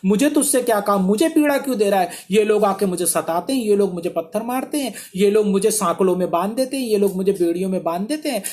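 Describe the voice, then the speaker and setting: A man's voice: high voice, fast, hardly any pauses, a little mellow, lightly acted. A male pastor voicing a tormented, demon-possessed man who cries out in protest as he retells the story in a sermon. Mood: aggrieved. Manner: crying out in protest.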